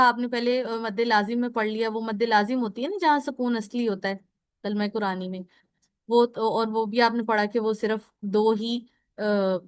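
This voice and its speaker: A woman gives a recorded lesson on Quran recitation, explaining each point in turn and pausing to check that her listeners follow. Her voice is smooth, resonant and slightly high. The sound is dry and close, with no room echo. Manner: explains step by step, often checking in with "ठीक है"; asks questions and answers them herself. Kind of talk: recorded lecture.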